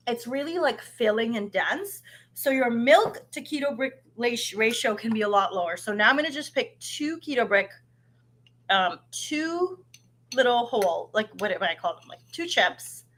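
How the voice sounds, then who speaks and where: A woman's voice: fairly high pitch, pushed and bright. A woman from Canada hosting a live cooking stream, chatty and upbeat with lots of fillers and restarts. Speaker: host of a live cooking show. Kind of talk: casual live-stream chat.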